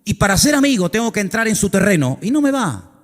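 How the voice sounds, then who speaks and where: A man's voice: sits high, sing-song, fast, in a large hall. A male pastor preaching a sermon in a church, telling the story dramatically with emphatic repetitions and asides.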